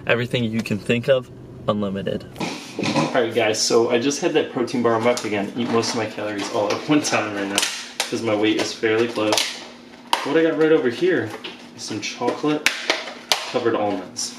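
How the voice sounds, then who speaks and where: A man's voice: mid-range voice, fairly quick, very noisy. A young man in his twenties vlogging casually to camera, chatty and joking with loose rambling talk. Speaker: vlogger and powerlifter.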